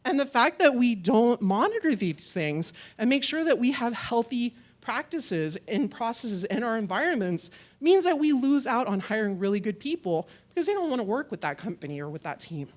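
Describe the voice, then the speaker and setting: A woman's voice: a little high, very animated, moderate pace, few pauses. A woman speaking at a tech conference in a hall. Her delivery is casual and chatty, full of asides and little jokes for the audience. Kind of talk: conference talk and Q&A.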